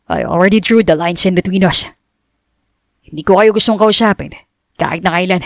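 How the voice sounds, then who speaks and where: Woman voicing a cold young man in an audiobook, lowered and curt, gruff timbre. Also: normal speed, no room sound, studio quality. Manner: curt and cutting, mixing English in. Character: cold, bitter young rich man posing as gardener. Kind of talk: audiobook character reading.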